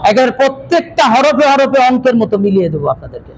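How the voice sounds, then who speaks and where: A man teaching a Quran reading class, drilling letter rules loudly and having the students repeat after him. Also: very high-pitched, sing-song, fast talker, poor audio. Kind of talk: classroom teaching with call and response. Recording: loud room noise and crowd.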